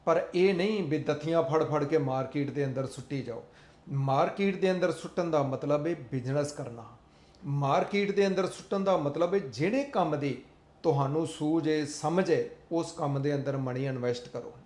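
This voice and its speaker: Man, motivational speaker; earnest, repetitive delivery, slightly raised pitch, roomy echo. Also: normal speed, a little mellow. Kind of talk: motivational talk.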